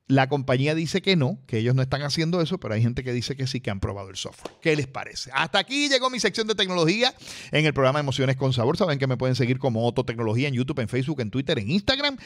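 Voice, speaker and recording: A man's voice: medium pitch, expressive, fast talker. A man presenting a radio technology segment, talking chattily and straight to the listeners. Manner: chatty, addresses listeners directly.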